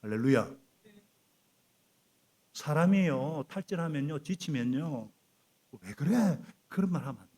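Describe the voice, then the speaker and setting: A middle-aged male pastor preaching a sermon in a church, animated and prompting the congregation to repeat after him. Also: a little high, moderate pace, pauses often. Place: church sanctuary.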